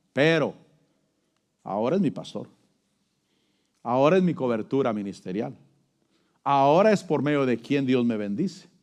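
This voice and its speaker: Animated high-pitched preaching man. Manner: animated preaching, swooping from high emphatic lines to low murmurs. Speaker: pastor. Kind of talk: sermon.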